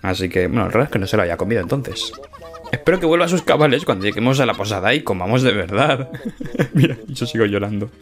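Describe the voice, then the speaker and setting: A man's voice: fairly low pitch, lively intonation, quick pace, soft background music. A man with a Spain Spanish accent hosting a casual gameplay video, chatty and playful, laughing often as he talks. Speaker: gaming let's-play host.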